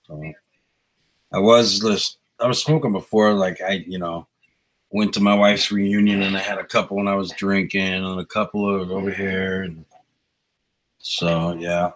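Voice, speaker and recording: A man's voice: low-pitched, flat delivery, a little slow, rough recording. A man hosting a casual live stream, rambling in a laid-back way and greeting viewers by name, on a small novelty mic. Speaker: livestream host. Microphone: small novelty microphone.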